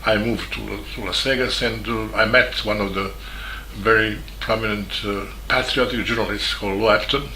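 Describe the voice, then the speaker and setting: A man speaks English with a Serbian accent, his voice low in pitch yet strikingly bright and edged. He talks haltingly, stopping often and restarting his sentences. The recording sounds echoey, with a faint room hum behind him. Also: fairly even intonation. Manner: halting, with many fillers and restarts. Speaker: journalist. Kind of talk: spoken statement.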